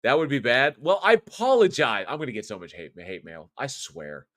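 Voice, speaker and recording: Here a horror show host and voice actor, a middle-aged man from California with a non-regional American accent, sounds very animated at medium pitch with a fairly bright tone and normal speed. Chatting casually on a live stream, he reads viewer comments aloud, rambles, and often goes back to fix or restart what he said.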